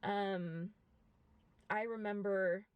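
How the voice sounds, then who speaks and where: Woman, twenties, vlogger: candid and reflective, unhurried with pauses, mid-pitched. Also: fairly even intonation, clean tone, no room sound, highs cut off. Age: 20s. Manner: frank and reflective, speaks slowly with many pauses. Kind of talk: candid personal monologue to camera. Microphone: camera mic.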